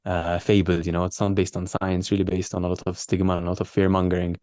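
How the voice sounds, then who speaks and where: A man speaking as an interviewed doctor, explaining in a conversational way with halting, repetitive phrasing. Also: low voice, completely flat delivery, dark tone, no room sound. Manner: halting, hesitant phrasing with repeated words. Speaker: doctor and researcher being interviewed.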